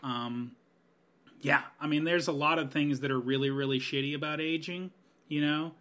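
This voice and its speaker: A man in his thirties talks through life lessons as a podcast guest, earnest and a little rambling. His voice is bright and forward and sits slightly high for a man. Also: steady tone, moderate pace. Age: 30s. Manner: earnest, rambling, many "you know"s. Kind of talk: reflective podcast conversation.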